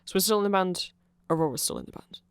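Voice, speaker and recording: This ASMR audio creator has a smooth, animated, medium-pitched voice and talks fast, captured close-up on a microphone in a dry space with no echo. It's an unplanned, nerdy explanation that rambles with asides and corrects itself along the way.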